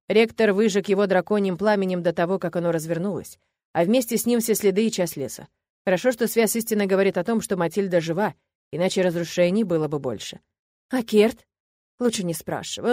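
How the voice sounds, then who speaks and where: A woman's voice: mid-range voice, mellow, no echo, clean studio sound, natural voice. A woman voicing a confident, teasing male demon in a romance audiobook. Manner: teasing, sly.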